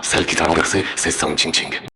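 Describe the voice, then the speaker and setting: An actor dubbing a young wealthy husband who apologizes earnestly, in a low, clipped manner. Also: male voice, flat delivery, brisk, pushed and bright, slight background noise, heavily acted. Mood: remorseful. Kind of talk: dubbed drama acting.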